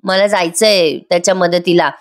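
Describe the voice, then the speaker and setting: A woman's voice: lowish voice, moderate pace, lightly acted. A woman voicing a guilty scheming husband who panics and snaps irritably. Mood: irritable.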